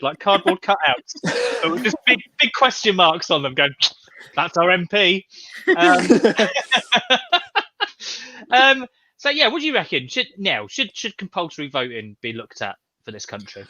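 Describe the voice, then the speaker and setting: A man's voice: high-pitched, big pitch swings, moderate pace, sharp tone, poor audio. A man hosting a casual panel discussion, joking and laughing often while putting questions to the panel. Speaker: host.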